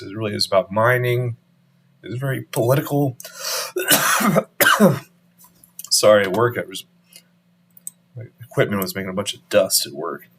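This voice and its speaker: Low-voiced man rambling, voice going hoarse. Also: a bit bright, a little hiss or hum. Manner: rambling, restarts often, trailing off. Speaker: crypto channel host. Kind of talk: casual market commentary.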